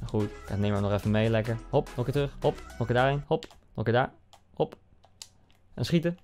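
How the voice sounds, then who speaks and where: Young guy rattling off quick commentary on his football game, gets loud and hyped, some faint music under it. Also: mid-range voice. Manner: excitable, shouts and cheers at goals, chatty asides to viewers. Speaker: gaming YouTuber. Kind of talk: live gameplay commentary.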